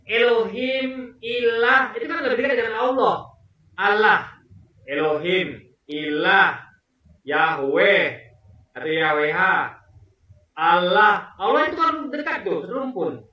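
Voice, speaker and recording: A man's voice: high-pitched, very animated, a little slow, pauses often, pushed and bright, very echoey, far from the mic. A man talking casually as a video commentator, rambling and repeating words while he searches for examples. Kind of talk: casual commentary on a debate clip.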